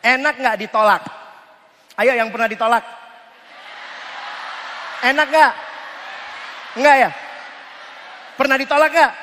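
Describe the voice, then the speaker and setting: A man giving a lively youth sermon, joking with the crowd and asking it questions. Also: very high-pitched, slow pace, long pauses, a little hiss or hum. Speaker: preacher. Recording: long hall reverb.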